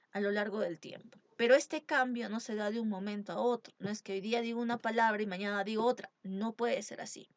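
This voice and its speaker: A woman's voice: a little high, a bit bright, no echo. A woman teacher giving an exam-prep lecture, stressing key terms and asking rhetorical questions. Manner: emphatic, asks rhetorical questions.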